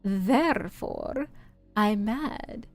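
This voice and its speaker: Grinning storybook cat woman acts it out: unhurried, stretched-out words, teasing, serenely mad, music underneath. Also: mid-range voice, animated, no echo. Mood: smug, teasing. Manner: slow drawn-out delivery, teasing and unbothered. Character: grinning, languid, slyly mad talking cat.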